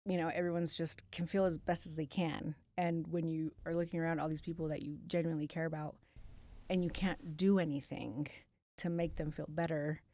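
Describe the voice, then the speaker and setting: A woman's voice: deep voice, flat delivery, fairly quick, dark tone. A woman guest on a podcast, talking about her outreach work in a heartfelt, emotionally open way. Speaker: police community outreach coordinator, guest. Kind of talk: casual interview conversation. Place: podcast studio.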